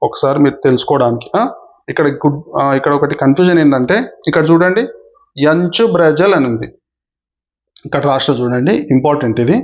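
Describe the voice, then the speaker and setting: A man with a fairly high voice teaches a grammar lesson for exam candidates. He explains patiently, goes over key points more than once and speaks to viewers with polite address. The recording sounds muffled and lo-fi. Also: quick pace, long pauses.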